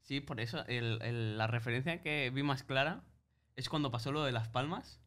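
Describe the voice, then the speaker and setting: A young man from co-hosting a casual podcast, jokey and quick with his interjections. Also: mid-range voice, fairly bright tone. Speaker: podcast co-host and editor.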